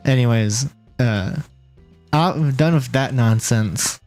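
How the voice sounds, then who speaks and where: A man co-hosting a toy chat stream, talking loosely and teasing as he goes. His pitch sits in an ordinary middle range. He rambles through his points with a joking edge. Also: slow, darkish tone, faint music behind, low-quality recording. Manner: joking, rambling, laughs often. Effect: voice changer at times. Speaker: co-host. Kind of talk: casual livestream chat.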